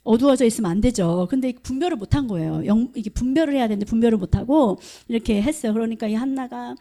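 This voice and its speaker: Middle-aged woman pastor, emphatic sermon voice, warm and mellow. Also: fairly high pitch, quick pace. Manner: emphatic preaching, asks the congregation questions. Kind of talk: sermon at a prayer meeting. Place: church hall.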